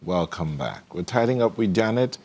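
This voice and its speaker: Low-voiced man hosting a TV show. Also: animated, normal speed, a little mellow, breathy edge. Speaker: TV show host. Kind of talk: casual presenting and chat.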